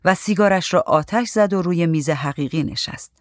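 A narrator reading a short story aloud in a calm, even literary manner. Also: mid-range voice, no echo, studio quality.

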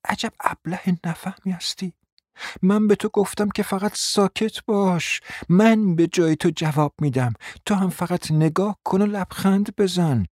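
A man's voice: no echo, studio quality. A man playing a domineering scornful woman. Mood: contemptuous. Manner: shrill scolding, sharp commands and insults. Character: domineering scornful middle-aged woman, bossing her husband. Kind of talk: audiobook dramatic reading.

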